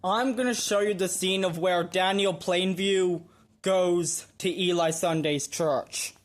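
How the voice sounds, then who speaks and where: A film reaction host giving earnest, halting commentary on a scene. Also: medium pitch. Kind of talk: casual commentary.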